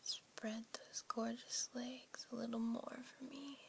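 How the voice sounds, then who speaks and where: A woman performing a whispered role-play as a tender but dominant, seductive lover, in a breathy, coaxing way. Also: fairly high pitch, level tone, takes it slowly. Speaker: audio role-play performer in an adult scene.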